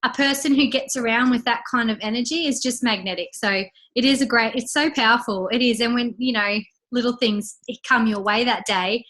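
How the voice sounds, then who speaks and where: Aussie woman hosting a training video call, kinda stuffy nose, bright tense voice, fairly high. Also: a little fast, few pauses. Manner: chatty, upbeat, lots of fillers. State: congested and a little out of breath.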